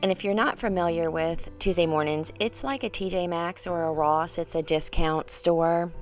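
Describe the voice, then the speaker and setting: A woman's voice: fairly low pitch, moderate pace, soft background music. Middle-aged woman presenting a room makeover. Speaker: home decor vlogger, host. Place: bedroom, indoors, for the on-camera part.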